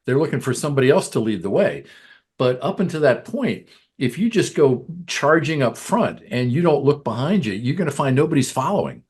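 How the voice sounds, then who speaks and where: A man co-hosting a business podcast who explains his views in a thoughtful, measured way. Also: mid-range voice, sing-song, a little mellow, breathy edge. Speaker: podcast co-host, business coach. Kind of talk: casual podcast chat.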